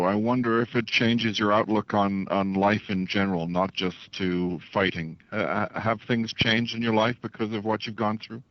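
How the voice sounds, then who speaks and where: A male reporter asking a measured, polite question on speakerphone over a conference call. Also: fairly low pitch, no echo. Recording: muffled phone-line audio.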